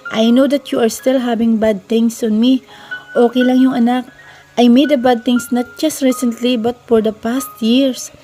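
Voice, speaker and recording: A woman voicing an adult husband in a romance story, a remorseful, doting man who speaks earnestly and gently. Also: on the high side, level tone, unhurried, faint music behind, close to an everyday voice.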